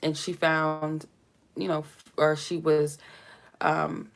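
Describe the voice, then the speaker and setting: Speaking slowly and flatly in a low register, a tarot reader wanders through an informal spiritual reading for the camera. She chats and jokes a little along the way, and she sounds blocked up from a cold.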